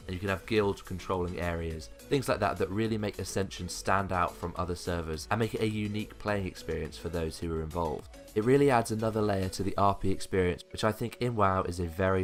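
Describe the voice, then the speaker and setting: A man with a low-pitched voice narrates a countdown list for a gaming video, sounding keen and hopeful as he comments on each item. Soft background music plays behind his voice-over.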